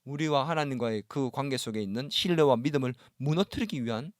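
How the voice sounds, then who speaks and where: In a clean studio recording with no room sound, a male pastor delivers a brisk sermon in a mid-range voice. Speaking in a church sanctuary, he questions his congregation and takes on the first-person voice of believers who doubt.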